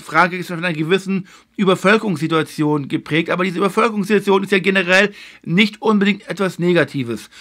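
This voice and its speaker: A man hosting a video lecture series, explaining history in a measured way and stressing his key points. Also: high-pitched, pushed and bright. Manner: filler phrase "eben halt".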